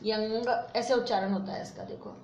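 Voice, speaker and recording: A woman's voice: mid-range voice, fairly even intonation, moderate pace, darkish tone. A woman teaching a Sanskrit lesson, patiently explaining and repeating word forms in drills, dropping English words into her explanations. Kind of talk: classroom lesson at a board. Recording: echoey room, dull lo-fi sound, faint noise.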